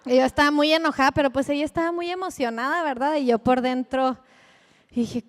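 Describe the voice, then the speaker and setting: High-voiced Mexican woman preaching. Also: a little fast, big-room sound. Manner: animated, chatty, with asides and laughs. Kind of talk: sermon with personal storytelling.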